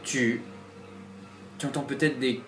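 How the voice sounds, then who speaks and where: A man's voice: medium pitch, steady tone, a bit bright. Man game master in an echoey room. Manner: halting, filler-heavy narration. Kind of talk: narrating a horror tabletop game. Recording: roomy echo, faint music.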